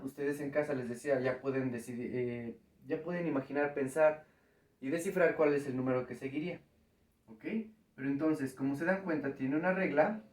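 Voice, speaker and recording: Far from the mic, in an echoey room, a man with a voice on the high side teaches a recorded math lesson at the board. He explains things patiently step by step while checking in with the students.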